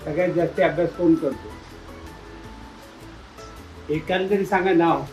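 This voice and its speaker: A man playfully quizzing schoolchildren, coaxing and teasing them and urging them to speak louder. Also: on the high side, unhurried, highs cut off, soft background music. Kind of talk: playful classroom questioning.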